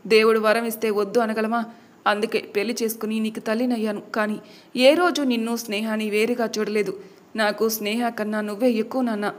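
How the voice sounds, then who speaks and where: A woman's voice: on the high side, level tone, a little fast, lightly acted. A woman voices a humble middle-aged stepmother in a storybook tale. She explains her past sorrowfully.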